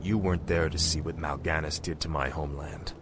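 An actor playing a proud, vengeful young warrior prince in a fantasy video game, commanding and intense. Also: male voice, rumbling low, steady tone, a little fast, noisy background. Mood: grim resolve. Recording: music behind the voice.

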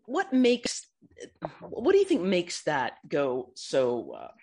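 Woman host, husky, low-ish, lively, playful questioner. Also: slow. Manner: loose and playful, jokes about being old. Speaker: interview host. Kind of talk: casual interview chat.

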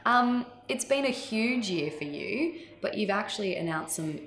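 A woman's voice: medium pitch, lively intonation, a little slow, fairly bright tone, reverberant. A woman hosting an interview show, friendly and teasing in a casual way. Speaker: podcast host.

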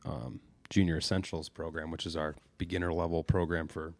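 A man in his twenties, a golf coach, recapping a meeting in relaxed podcast chat with fillers. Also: very deep voice, fairly quick, vocal fry, no echo. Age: 20s. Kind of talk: casual chat.

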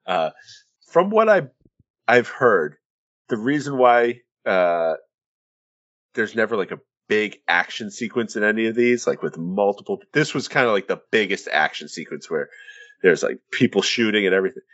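A man's voice: fairly low pitch, expressive, normal speed, fairly bright tone, dull audio. A man talking casually about films as a podcast co-host.

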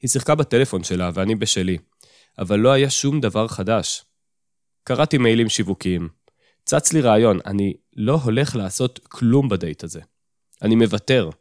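A man's voice: lowish voice, expressive, no echo, clean studio sound. A man narrating a first-person story in a wry, self-mocking tone.

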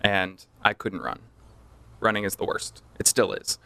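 A man chatting as a podcast guest, relaxed and self-deprecating as he tells stories. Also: fairly low pitch, unhurried, no echo. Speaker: guest, audio manufacturer rep. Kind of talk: casual podcast chat.

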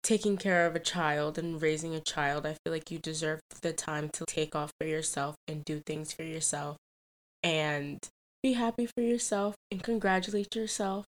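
A woman's voice: deep voice, steady tone, moderate pace. A young woman in her late teens, co-hosting a casual podcast with her mother, speaking heartfelt and rambling. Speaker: podcast co-host, daughter. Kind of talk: casual chat.

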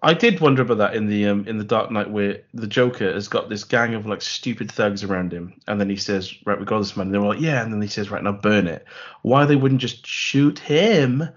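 A man's voice: on the low side, a little fast, few pauses. A man with a British accent co-hosting a podcast, telling wry, jokey asides about films. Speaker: podcast co-host. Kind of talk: casual film chat. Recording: dull lo-fi audio.

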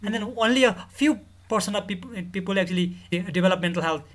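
Earnest man. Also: high voice. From Nepal. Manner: earnest, measured explaining. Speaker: guest, mental health director. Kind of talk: podcast interview.

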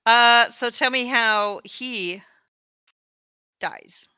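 A woman's voice: on the high side, very slow, bright, forceful tone, clear, resonant tone, no room sound, lo-fi sound. A woman speaking as game master, casually narrating a tabletop game.

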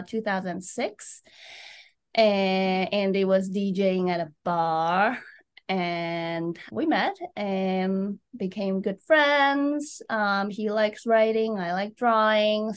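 A woman from Taiwan, an illustrator, telling her story in an interview in an unhurried, thoughtful way. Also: mid-range voice. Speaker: guest illustrator.

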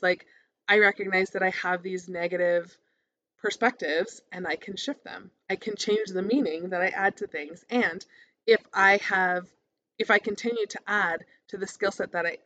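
A woman talking in a calm, therapist-like way, giving an informal, encouraging motivational monologue as a podcast host. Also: on the low side, highs cut off. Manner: casual, conversational, encouraging.

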